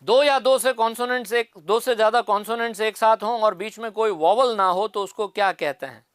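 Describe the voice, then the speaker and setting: A man's voice: sits high, fairly quick, smooth, no echo, studio quality. A man teaching an exam-prep phonetics lesson, explaining step by step and repeating the key answers.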